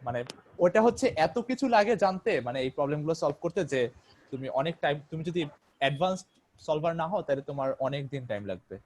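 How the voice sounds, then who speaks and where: A man's voice: a little high, lively intonation, fairly quick, a little mellow, a little hiss or hum. A young man mentoring math olympiad students in a casual group call, explaining with many fillers and restarts.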